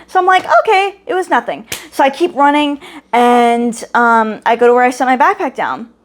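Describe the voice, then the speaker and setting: Young woman, podcast co-host, casual storytelling, animated, laughing, slightly high voice. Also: moderate pace.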